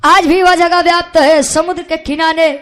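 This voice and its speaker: High-voiced Bhojpuri woman singing folk epic. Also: level tone, faint music behind. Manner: alternates spoken storytelling with long drawn-out sung verses. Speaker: stage folk singer. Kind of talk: Birha folk singing and storytelling on stage. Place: live outdoor stage show.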